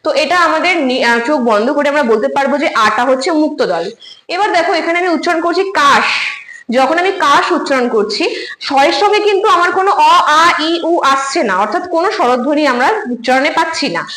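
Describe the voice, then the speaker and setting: A woman's voice: high-pitched, lively intonation, fast, fairly bright tone, reverberant, low-quality recording. A woman teacher giving an online lecture, explaining terms step by step, often repeating key words and checking whether students follow. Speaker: Bengali literature teacher.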